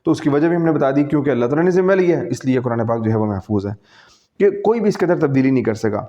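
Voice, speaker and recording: A male teacher with a Pakistani accent delivers a conversational, classroom-style lecture in a warm, mid-range voice with lively intonation. He explains patiently and often checks that his students are following, on a dull lo-fi recording.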